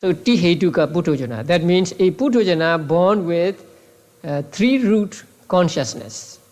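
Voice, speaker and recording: Older Burmese monk lecturing haltingly. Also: male voice, high voice, animated, a little mellow. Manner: halting, repeats words, many restarts and uh's. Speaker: Buddhist monk teaching a class. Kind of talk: classroom lecture. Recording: old tape recording of a class.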